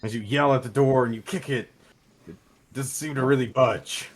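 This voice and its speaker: A man narrating as game master of a tabletop game, calling for checks and describing the action in a relaxed, matter-of-fact way. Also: medium pitch, moderate pace. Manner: relaxed, matter-of-fact rules talk with fillers.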